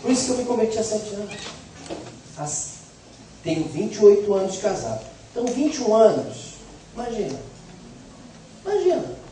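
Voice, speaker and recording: A man's voice: high voice, sing-song, a little fast, long pauses, warm tone. A middle-aged man from Brazil preaching a sermon, with humorous, conversational storytelling. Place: church hall. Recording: echoey hall from far off, faint noise.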